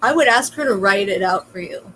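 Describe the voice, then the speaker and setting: A woman's voice: mid-range voice, lively intonation, a little fast, fairly bright tone, husky, rough recording. A woman hosting an online interview, giving casual, supportive advice in a chatty way with plenty of fillers, heard over a video call. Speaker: host.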